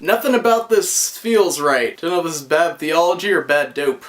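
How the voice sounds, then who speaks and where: A man's voice: on the high side, moderate pace, music in the background. A young man giving a comedic film review, joking and sarcastic.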